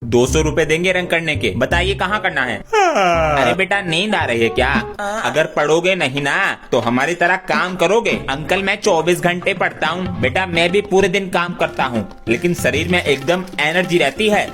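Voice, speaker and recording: A man's voice: a little high, normal speed, over music. A man acting out comic family skits, switching between a child and the grown-ups around him. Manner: switches between kid and adult voices, bantering. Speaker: comedy sketch creator. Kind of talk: comic skits playing several family roles.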